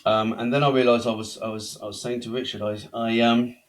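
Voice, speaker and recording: A middle-aged Belgian man appears as a podcast guest, recounting his life story in a chatty, self-deprecating interview. His medium-pitched voice is brisk with a flat delivery.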